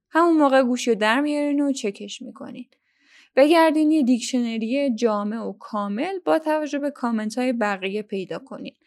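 Slightly high-voiced woman giving podcast lessons. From Iran. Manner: instructive, addresses listeners directly. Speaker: language-learning podcast host.

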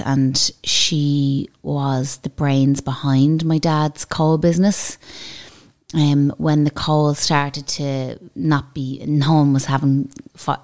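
A woman's voice: deep voice, a little mellow. A woman from Dublin with a Dublin Irish accent, chatting as a podcast guest and telling long, rambling stories. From Dublin, Ireland. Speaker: podcast guest, salon owner. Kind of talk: casual interview chat.

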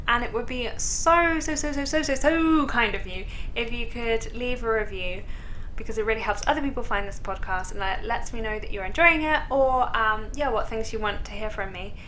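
A woman podcast host with a bright, forward voice at an average pitch, chatting informally and candidly on her own. She is a little self-deprecating as she talks to listeners. A clear low rumble of noise sits behind her. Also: low-quality recording. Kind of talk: chatty solo podcast monologue.

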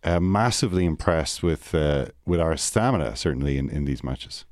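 A man's voice: extremely low pitch, animated, normal speed, a little mellow, no echo, clean studio sound. A man co-hosting a sports podcast, chatty and questioning about the football. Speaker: podcast co-host. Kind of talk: casual podcast chat.

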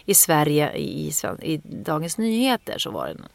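A woman's voice: low voice, wildly swooping pitch, vocal fry, no echo. A woman, an actress, telling a story in casual podcast chat, vividly acting out the quotes.

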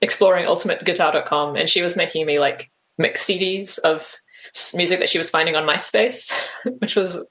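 A woman's voice: on the low side, fairly even intonation, normal speed, fairly bright tone. Hesitant New woman guest. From New Zealand. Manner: hesitant, full of "like" and "um" fillers. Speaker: interview guest. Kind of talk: casual interview answers.

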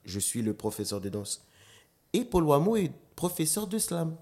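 A man, a dancer and slam artist, chatting as a guest in an interview, telling animated stories and acting out quotes, with frequent restarts. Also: fairly high pitch, moderate pace. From New Caledonia. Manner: animated storyteller, acts out quotes, stammers on restarts. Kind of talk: casual interview chat.

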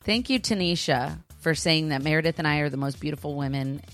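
A woman's voice: low-pitched, a little fast, faint music behind. A woman co-hosting a podcast for parents, talking candidly and self-deprecatingly in a casual style. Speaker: podcast co-host and mother. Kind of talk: casual podcast chat with scripted announcements.

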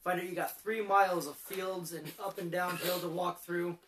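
A man's voice: high voice, steady tone, moderate pace, crowd noise. A man co-hosting a podcast, chatting casually and teasing with a laugh. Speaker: podcast co-host. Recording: roomy, distant mic.

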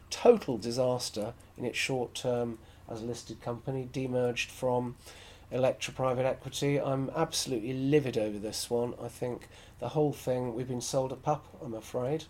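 A man's voice: mid-range voice, warm tone. A man hosting a solo podcast, talking frankly and with strong opinions as he thinks aloud. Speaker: podcast host.

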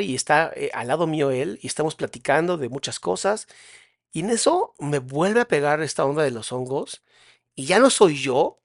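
A man's voice: on the high side, no room sound, clean studio sound. A man with a Mexican accent telling a personal story in a casual, slang-filled way. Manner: casual, slangy, re-enacting dialogue. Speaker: podcast host.

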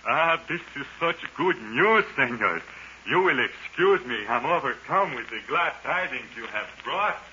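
Emotional, courtly older señor. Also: male voice, medium pitch, animated, measured pace, pushed and bright. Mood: overcome, grateful. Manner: florid, formal, dramatic. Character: emotional, courtly older father, overcome and grateful. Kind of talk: 1940s radio acting. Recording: muffled, faintly noisy 1940s radio recording.

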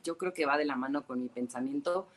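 Low-voiced Mexican woman telling stories. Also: brisk. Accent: Mexican Spanish. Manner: animated storyteller, many fillers like "este" and "o sea". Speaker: interview guest. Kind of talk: casual interview chat. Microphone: phone on a call.

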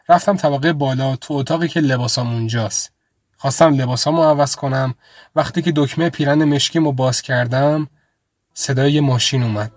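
Calm, reflective male storyteller. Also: mid-range voice. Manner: calm, reflective, plain first-person telling. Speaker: storyteller and narrator. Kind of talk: first-person audio story narration.

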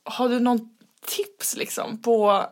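A woman's voice: fairly high pitch, level tone, darkish tone. A woman hosting a casual interview who asks rambling, enthusiastic questions full of fillers. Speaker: host.

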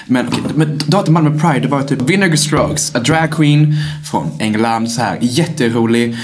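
A drag queen guest on a podcast, telling stories in an animated, playful way and mixing in English phrases. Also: mid-range voice. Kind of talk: casual chat.

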